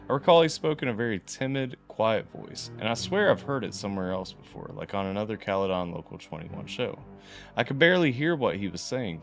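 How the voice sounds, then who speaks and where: A man reading a horror story aloud as a podcast host, stumbling and restarting now and then. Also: fairly low pitch. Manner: reads unevenly, stumbles and restarts.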